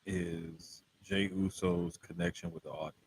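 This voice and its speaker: Male wrestling podcast co-host. Slightly rough, unclear tone, emphatic and slangy delivery. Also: sits low, little pitch movement, unhurried. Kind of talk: casual chat, wrestling commentary.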